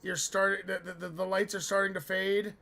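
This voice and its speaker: Male game master, high-pitched, gravelly fry, casual tabletop narration, unhurried. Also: flat delivery, pushed and bright.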